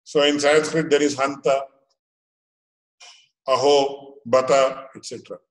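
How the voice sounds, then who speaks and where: A South Indian-accented man in his fifties speaks in an echoey room at a middling pitch. He lectures informally on scripture as a religious teacher, halting and restating phrases, dropping in Sanskrit terms. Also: steady tone. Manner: explanatory, halting, repeating and rephrasing phrases. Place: small indoor room at home. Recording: echoey room, webcam-style pickup.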